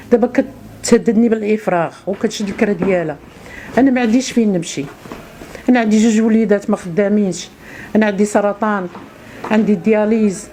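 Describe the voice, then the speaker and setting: A woman's voice: medium pitch, dark tone, a little hiss or hum. A middle-aged woman with a Moroccan accent, giving an interview testimony in a pleading voice and repeating her words over and over.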